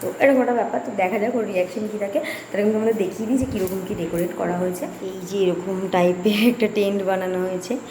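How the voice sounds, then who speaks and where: A young woman talks through her day in a loose, rambling vlog chat. She is recorded indoors at home in a room with a clear echo. Steady household noise runs behind her voice. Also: medium pitch, fast talker. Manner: chatty, rambling running commentary. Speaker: lifestyle vlogger. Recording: echoey room with background noise.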